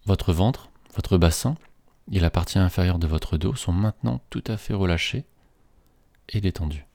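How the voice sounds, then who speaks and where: A man slowly reading a guided relaxation script in a soothing, measured way. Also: sits low, gravelly, dark tone, dry recording.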